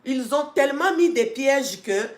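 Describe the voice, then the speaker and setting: A high, expressive voice belongs to a congested woman who hosts an educational channel, speaking a bit slowly to her live-stream audience in a room with echo. She relies heavily on fillers and restarts, and now and then becomes emphatic and urging.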